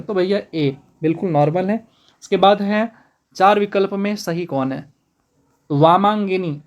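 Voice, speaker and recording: A man teaching a spoken exam-prep lesson, brisk and repetitive, calling his students brother. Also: high voice, darkish tone.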